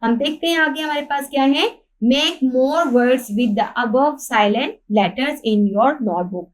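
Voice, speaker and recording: High-voiced Pakistani woman teaching a lesson. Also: slow. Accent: Pakistani Urdu. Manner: spells out words letter by letter, asks and answers her own questions. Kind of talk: lesson explaining a textbook.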